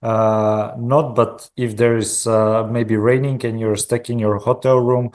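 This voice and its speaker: A man moderating a webinar over a video call, friendly and halting with many fillers. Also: medium pitch, little pitch movement, darkish tone.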